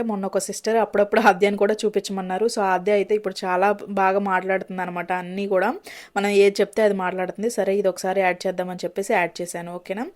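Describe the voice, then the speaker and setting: A woman's voice: mid-range voice, darkish tone. A young woman and mother talking through a home recipe in a casual, chatty way, often checking in with her viewers and mixing English cooking words into her speech.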